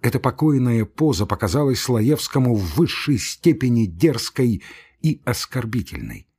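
A man narrating a classic story in a dramatic literary reading with expressive intonation. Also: medium pitch, moderate pace, slightly rough. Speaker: audiobook narrator.

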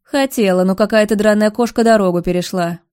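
A woman voicing a brash young mistress who scolds and snipes in a loud, spiteful way. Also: mid-range voice, fairly quick, lightly acted.

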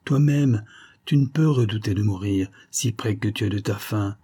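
A man's voice: lowish voice, moderate pace, warm tone, breathy edge. A man voicing a defiant young Carib warrior who pleads proudly with his father in an adventure story.

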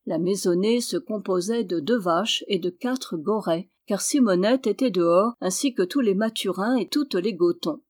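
A woman reading a historical novel aloud as a volunteer audiobook narrator, with steady, expressive storytelling. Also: medium pitch, normal speed, hardly any pauses. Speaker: audiobook reader. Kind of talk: literary narration.

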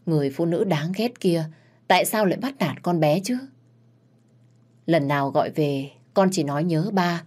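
A woman storyteller narrating a family drama in a measured, sorrowful way. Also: low-pitched, darkish tone. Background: faint background music.

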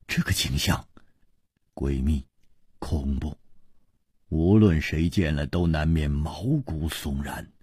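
Male radio storyteller, husky and deep, very animated delivery. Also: no room sound, clean studio sound. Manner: sweeping dramatic swings in pitch and loudness. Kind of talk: dramatic radio novel reading.

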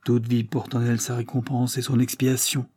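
A man's voice: medium pitch, level tone, normal speed, warm tone, breathy edge, no room sound, studio quality, lightly acted. A man voicing a grave old duke. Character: older duke, rugged and grave father.

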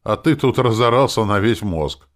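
A man's voice: fairly low pitch, lively intonation, moderate pace, voice pushed up, natural voice. A man reading an audiobook voices a brash, foul-mouthed female demon who talks in a sly, mocking, swaggering way. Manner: sarcastic, swaggering, swears freely.

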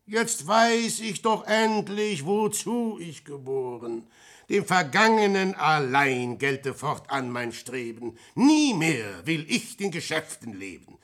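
Peer Gynt, grandiose and brooding. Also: male voice, fairly high pitch, big pitch swings, slow, a bit bright, exaggerated voice. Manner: declamatory, musing aloud in rhyme. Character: Peer Gynt, restless grandiose adventurer, adult man. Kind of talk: classic radio drama acting.

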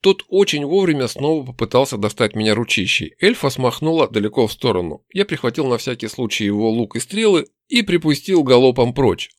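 A man narrating a first-person fantasy audiobook with wry, lively storytelling. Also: medium pitch, a little fast, few pauses, no room sound, studio quality.

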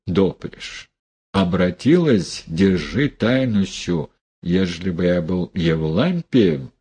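A man reading an audiobook voices a fanatical male prophet who preaches in slow, drawling rustic dialect with menace. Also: low voice, warm tone, slightly rough, exaggerated voice.

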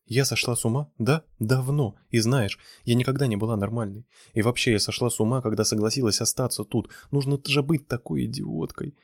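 A man reading a novel aloud, voicing a furious young woman in tears who shouts. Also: medium pitch, fairly even intonation, fairly quick, no echo, studio quality, pitched above the performer's own voice, lightly acted. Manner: shouting, raised voice.

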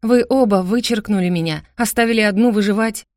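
A woman's voice: medium pitch, fairly quick, no echo, studio quality, pitched above the performer's own voice, lightly acted. A woman doing a hurt, defiant young woman. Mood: defiant, upset. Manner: sharp, pleading and raised. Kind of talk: audiobook character voice.

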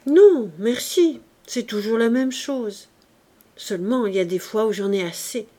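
A woman's voice: fairly high pitch, a little slow, mellow. Woman reading a languid bedridden lady. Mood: plaintive.

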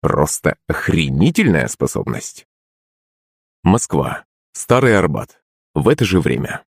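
Expressive male audiobook narrator. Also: extremely low pitch, unhurried, breathy edge, no echo, clean studio sound. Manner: expressive, conversational.

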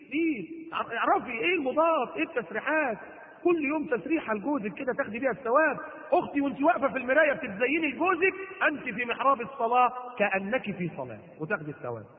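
A man with an Egyptian accent preaching to women, animated and acting out the people he quotes. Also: very high-pitched, fast. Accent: Egyptian Arabic. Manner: animated, acts out quoted voices. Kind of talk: lecture to women in a sermon. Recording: phone-like sound with long hall echo.

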